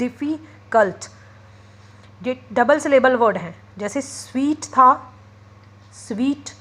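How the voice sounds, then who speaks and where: A woman's voice: high-pitched, fairly bright tone, low-quality recording. A woman teacher giving a lecture, explaining step by step and mixing English terms into Hindi. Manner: explains step by step, often checks with "ठीक है" and "okay". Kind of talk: classroom lecture.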